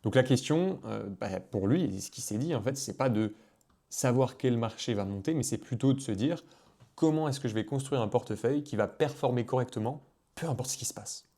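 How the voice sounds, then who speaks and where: In a relaxed video about investing, a man speaks briskly in a mellow, mid-range voice, full of fillers and restarts as he explains things off the cuff. He is a finance content creator.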